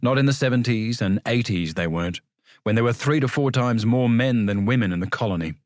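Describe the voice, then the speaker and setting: A man's voice: mid-range voice, a little fast, dry recording, studio quality. A man reading a literary story as a scripted audiobook narration.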